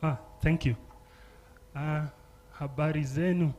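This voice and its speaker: A man from Uganda giving an earnest, measured comment from the floor at a conference, speaking into a handheld mic. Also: fairly high pitch, fairly even intonation, darkish tone, slight background noise. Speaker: audience member commenting.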